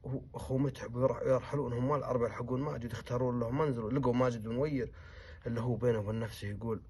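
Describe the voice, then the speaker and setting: Husky-voiced man telling a dramatic tale. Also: steady tone, very fast. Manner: dramatic, shifts between loud commands and low muttered asides. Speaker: poet and storyteller. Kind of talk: oral storytelling, acting out characters.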